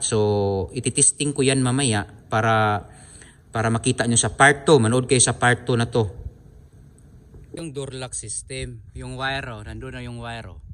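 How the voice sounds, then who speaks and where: This DIY electronics host, a Filipino-accented man, speaks in a mid-range, fairly bright voice. He explains a wiring job informally and step by step, circling back over the same points and constantly pointing things out as he goes.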